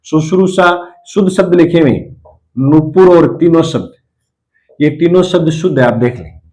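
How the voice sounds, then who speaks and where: A male Hindi lecturer giving a spelling lesson, explaining patiently and repeating each word slowly. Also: fairly high pitch, a little mellow. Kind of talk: classroom lesson on correct spelling.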